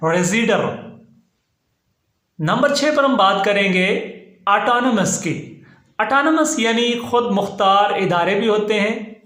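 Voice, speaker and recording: A high-pitched man walks through English words one at a time, repeating each with careful stress. He speaks slowly in an explanatory lesson style. The room around him rings with echo. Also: fairly bright tone. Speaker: English pronunciation teacher.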